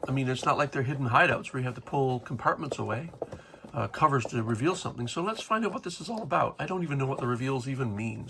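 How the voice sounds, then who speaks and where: A man's voice: mid-range voice, vocal fry, fairly bright tone, slight background noise. A man casually talking through a toy unboxing in his home workshop, rambling with fillers. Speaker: toy collector vlogger.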